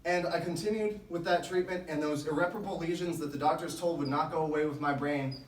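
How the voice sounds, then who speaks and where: A man giving a motivational speech to a sports team, telling his story in an earnest, deliberate way with emphatic phrases. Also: a little high, steady tone, a little hiss or hum. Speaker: motivational speaker. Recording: echoey room, distant microphone.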